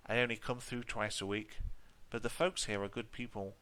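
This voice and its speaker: A man's voice: on the low side, little pitch movement, moderate pace, pushed and bright. A man voicing a grumbling old male coach driver who talks in a plain, rustic way.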